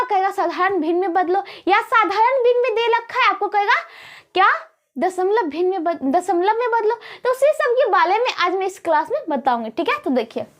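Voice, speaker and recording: A woman's voice: very high voice, a bit bright. A woman math teacher with a Bihari Hindi accent, explaining rules step by step to students in a classroom lesson.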